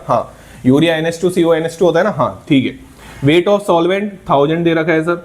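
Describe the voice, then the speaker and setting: Solving an exam problem step by step, a chemistry teacher with a slightly high voice cheers his students on. He asks questions aloud and supplies the answers himself.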